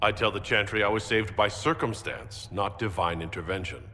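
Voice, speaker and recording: This man speaks at a moderate pace in a fairly low, bright, forceful voice. He is an actor voicing a composed, skeptical male video game hero, delivering lines in a dry, matter-of-fact manner. The recording is noisy and carries a long hall reverb.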